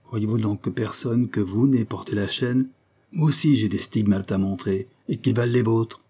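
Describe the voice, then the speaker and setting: A man's voice: fairly low pitch, normal speed, warm tone, slightly rough. A man voicing a bitter, disgraced lieutenant who growls his words harshly.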